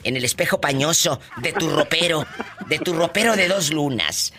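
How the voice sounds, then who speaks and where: A Mexican woman hosting a comic call-in radio show, grandiose and theatrical, breaking into booming shouts. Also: lively intonation, normal speed, faint music behind.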